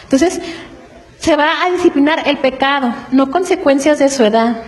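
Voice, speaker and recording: A woman preaching to a congregation in an earnest, explanatory way, often checking in with quick rhetorical questions. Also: high voice, a little hiss or hum, rough recording. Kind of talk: church teaching on family.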